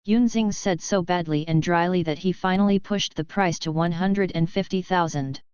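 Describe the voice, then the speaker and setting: A woman narrating an audiobook novel in an even, steady reading. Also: lowish voice, moderate pace, clear, resonant tone, dry recording, dull audio. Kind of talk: scripted narration.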